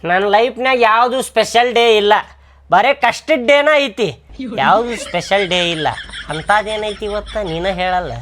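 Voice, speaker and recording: A woman's voice: mid-range voice, normal speed, a little hiss or hum, natural voice. A woman with a North Karnataka Kannada accent playing a grumbling, dismissive husband in a comic sketch. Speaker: comedy sketch actor.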